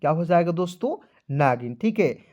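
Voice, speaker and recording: A man's voice: a little high, lively intonation, normal speed, a little mellow, muffled recording. A male teacher giving a beginners' spelling lesson, repeating each step and coaxing his viewers along as friends.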